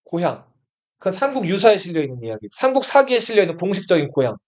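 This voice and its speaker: A man's voice: high voice, sing-song, fast, a little mellow. A man teaching a Korean history lesson to students in a classroom. He keeps asking the class questions and then answers them himself. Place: study room classroom. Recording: dull lo-fi classroom recording.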